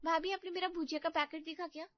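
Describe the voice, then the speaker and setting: A woman's voice: very high-pitched, steady tone, fast, highs cut off, voice pushed up. A woman voicing an impatient, bossy young college student who snaps at the household.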